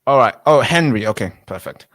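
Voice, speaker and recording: A man's voice: mid-range voice, animated, brisk, fairly bright tone, no echo. A man in his twenties, born in Tanzania, arguing insistently in a heated street debate and cutting in to hold the floor. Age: 20s. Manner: insistent, interrupts with repeated "wait, wait". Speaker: interviewee.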